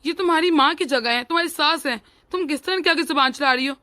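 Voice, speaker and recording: A woman's voice: high-pitched, fast, sharp tone, no echo. A woman voicing a young husband in a cartoon family drama, scolding his wife sternly. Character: young husband caught between wife and mother. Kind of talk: cartoon voice acting.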